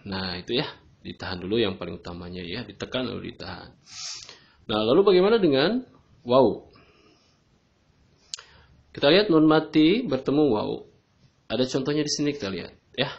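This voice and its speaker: A man's voice: mid-range voice, animated, normal speed, creaky, pauses often. Patient man teaching Quran recitation. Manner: patient, repeats "nah, gitu ya" often. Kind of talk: tajweed lesson explanation. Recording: dull lo-fi recording.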